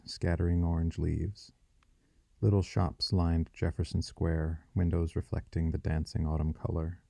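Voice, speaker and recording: This is a male audiobook narrator with a very low voice and a dark, mellow tone. A gravelly fry runs through his measured, descriptive storytelling. The sound is dry and close. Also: no room sound.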